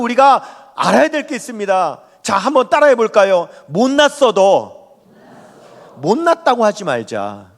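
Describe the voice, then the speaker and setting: A man preaching a Sunday sermon as pastor, talking straight to the congregation and asking it questions. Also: extremely high pitch. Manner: animated, rising and falling, speaks to the congregation directly. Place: church sanctuary. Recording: long hall reverb.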